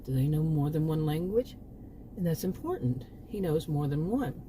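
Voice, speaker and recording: A Texan woman with a Texas accent talks casually to her channel in a monologue, rambling with restarts and asides. Her voice sits low, with lively intonation at a moderate pace, and there's background noise.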